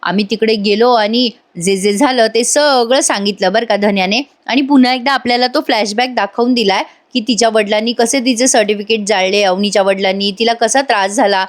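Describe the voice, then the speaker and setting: A woman narrating a voice-over recap of a TV serial episode, telling the story lively and speaking directly to viewers. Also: medium pitch.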